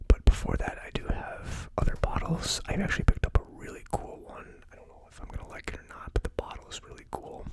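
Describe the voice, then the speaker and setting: Speaking quickly with few pauses, the host of a whiskey tasting series gives a casual ASMR tasting review. The delivery is informal and a little tentative.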